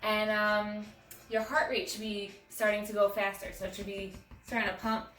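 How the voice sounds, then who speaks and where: A woman's voice: medium pitch, little pitch movement, moderate pace, fairly bright tone, soft background music. A woman teaching a guided yoga class for children at home, talking in a friendly, encouraging way. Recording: echoey room, mic at a distance.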